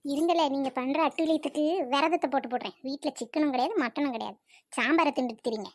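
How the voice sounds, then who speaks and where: A woman voicing a weary, sharp-tongued middle-aged mother in a cartoon. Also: high voice, fast, no room sound, voice pushed down. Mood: scolding. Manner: scolding, weary.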